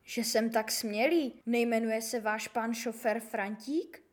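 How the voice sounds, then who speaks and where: A woman's voice: on the high side, pitched below the performer's own voice, lightly acted. A woman voicing a kind, chatty middle-aged male postman in a storybook reading, polite and eager, rattling off teasing insults. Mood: polite, curious. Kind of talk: storybook character voice.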